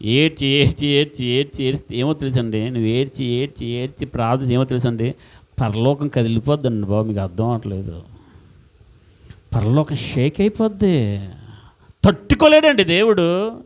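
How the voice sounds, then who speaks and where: A man preaching a sermon as pastor, impassioned and repetitive, swinging between loud outbursts and hushed words. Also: mid-range voice, lively intonation, normal speed.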